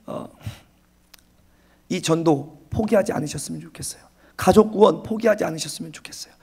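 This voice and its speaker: A man preaching a Sunday sermon in a church, his voice pitched a little above the usual for men. He drives his points home by repeating them and briefly acts out other people's excuses. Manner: emphatic, repeats phrases, acts out excuses in quick asides. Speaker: pastor. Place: church sanctuary.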